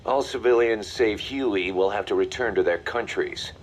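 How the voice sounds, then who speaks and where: An actor playing a mercenary second-in-command in a video game, briefing in a confident, matter-of-fact, commanding way. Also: male voice, fairly low pitch, moderate pace, slight background noise, close to an everyday voice. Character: brisk, hard-nosed male mercenary second-in-command. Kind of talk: video game voice acting, mission briefing dialogue.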